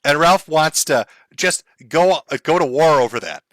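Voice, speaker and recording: A man hosts a stream with profane, sarcastic commentary, laughing as he mocks his subject. His voice sits high and sounds bright and edgy. The sound is dry and close, with no room. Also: expressive, moderate pace, dry recording.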